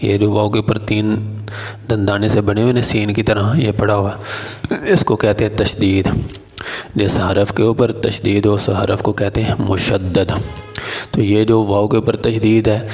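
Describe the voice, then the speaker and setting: A man teaching Quran reading step by step, naming letters and vowel marks and then slowly drawing out each syllable. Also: on the low side, little pitch movement, a little mellow, big-room sound. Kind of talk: step-by-step recitation lesson.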